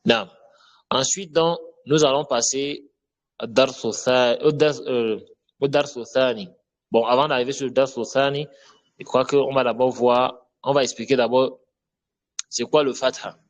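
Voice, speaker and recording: A man's voice: medium pitch, steady tone, unhurried, lo-fi sound. Patient male Arabic teacher. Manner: patient, repeats letter sounds, checks with "d'accord?". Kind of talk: online Arabic lesson.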